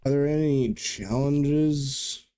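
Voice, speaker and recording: A man's voice: a little high, slow, dark tone, slight background noise. A young man from Arizona with no regional accent, giving casual, jokey let's play commentary and swearing freely. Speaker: gamer streaming a playthrough. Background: game music and horse hooves.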